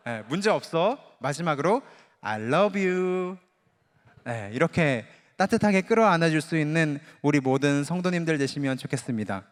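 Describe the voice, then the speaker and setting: A junior pastor from Chungcheong delivering a Wednesday Bible exposition sermon in a church sanctuary, animated, asking the congregation questions and mimicking voices. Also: male voice, a little high. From Chungcheong, Korea. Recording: long church hall reverb.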